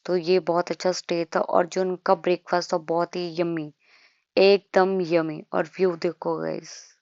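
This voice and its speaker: A woman's voice: on the low side, level tone, unhurried, gravelly, darkish tone, no room sound. Young female vlogger from India, chatty and self-mocking; dry, dull lo-fi voice-over. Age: young adult. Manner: chatty, self-mocking, addresses viewers as guys. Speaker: travel vlogger. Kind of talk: casual vlog narration.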